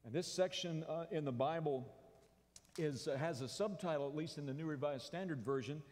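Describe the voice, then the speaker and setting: A pastor with an Oklahoma American accent delivering a folksy, conversational sermon with call-and-response. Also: male voice, a little high, fairly quick, a little mellow. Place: large church sanctuary. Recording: long church-hall reverb.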